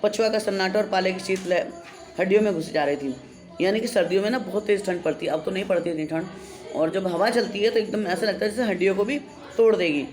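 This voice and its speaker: A woman's voice: mid-range voice, fast talker, darkish tone, soft background music. A woman school teacher reading a Hindi textbook chapter aloud to her class and explaining each passage in plain words. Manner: recites the text, then explains it plainly to the class. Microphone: online class recording.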